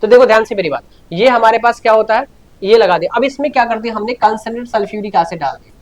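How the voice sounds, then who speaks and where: A man's voice: high-pitched, rapid-fire. Male chemistry teacher, repetitive questioning style. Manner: repetitive, answers his own questions, keeps urging students to note down. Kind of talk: classroom lecture.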